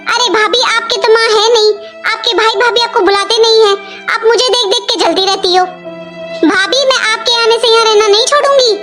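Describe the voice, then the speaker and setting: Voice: extremely high pitch, steady tone, moderate pace, over loud music, voice pushed up. Someone doing a mocking spoiled cartoon sister-in-law. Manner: mocking, sharp. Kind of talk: animated cartoon voice acting.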